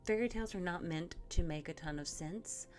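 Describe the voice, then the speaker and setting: A woman's voice: lowish voice, a little fast, a little mellow, faint music behind. A woman giving a casual spoken book review, thoughtful and meandering, with many fillers and restarts.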